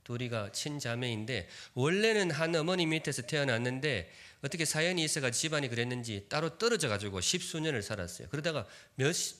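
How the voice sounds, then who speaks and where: A man's voice: medium pitch, a bit bright. A man in his fifties from Gyeongsan, preaching a sermon in Seoul speech with a trace of a Gyeongsang accent, humorous and drawing the congregation in with questions. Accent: Gyeongsang-tinged Seoul Korean. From Gyeongsan, North Gyeongsang, South Korea. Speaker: pastor. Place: church sanctuary.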